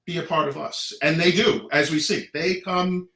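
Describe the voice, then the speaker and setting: A middle-aged American man talking in an animated, earnest, casual way, emphatic and repeating phrases for stress. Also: a little high, normal speed. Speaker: Pride organizer and guest. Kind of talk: animated casual talk, earnest community advocacy. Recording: roomy, echoing live sound.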